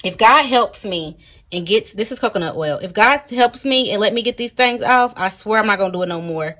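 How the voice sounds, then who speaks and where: A woman's voice: mid-range voice, expressive, brisk, fairly bright tone. A woman vlogging at home at night, sore and near tears, talking straight to her viewers in distress. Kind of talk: casual vlog talk to camera.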